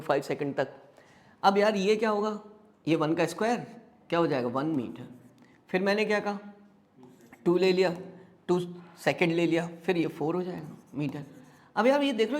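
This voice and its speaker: A man's voice: fairly high pitch, a little mellow. A man teaching a physics lesson. He keeps asking questions and answering them himself, calls his students "beta", and mixes English terms into his speech. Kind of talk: classroom lecture.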